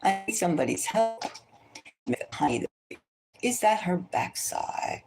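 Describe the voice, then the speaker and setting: Hosting a celebrity psychic reading, a woman tarot reader chats gossipily and opinionatedly, thinking aloud, rambling, and repeating her phrases. Her fairly low, creaky voice is very animated and slow, heard over music.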